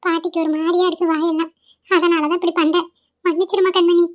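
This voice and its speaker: Cartoon dub: fast, high-voiced fussy old grandmother, a woman acting her, sentimental and scolding. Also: little pitch movement. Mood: grumbling. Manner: lamenting, grumbling monologue.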